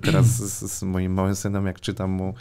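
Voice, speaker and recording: A man hosting an interview, asking measured follow-up questions. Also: low-pitched, completely flat delivery, dark tone. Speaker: interviewer, host.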